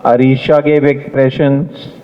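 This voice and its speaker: A man's voice: medium pitch, little pitch movement, very slow. A man giving playful, teasing feedback to students as a competition judge, acting out his points. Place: school hall. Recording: muffled reverberant hall.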